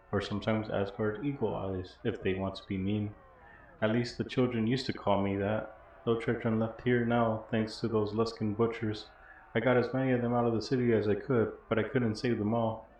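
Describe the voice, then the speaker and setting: A man's voice: lowish voice, fairly even intonation, moderate pace, darkish tone, natural voice. A man voicing a poor, blind old former smuggler from a video game, wry and bitter, in a rambling storyteller's delivery. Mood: sorrowful. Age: older. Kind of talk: reading video game dialogue in character. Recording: dull, roomy audio with faint noise.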